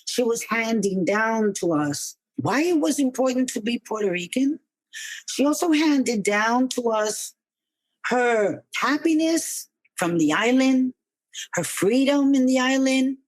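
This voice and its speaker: An older woman reflects on her life as a podcast guest. She is conversational and expressive at a middling pitch, recorded very dry. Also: dry recording, rough recording. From New York City. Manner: conversational, expressive, uses Spanish and Yiddish words. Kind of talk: reflective personal storytelling.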